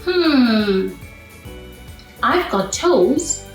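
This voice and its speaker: This children's storyteller speaks extremely slowly to her young audience, her slightly high voice swinging widely in pitch as she plays with them and poses questions. Music plays under a roomy echo.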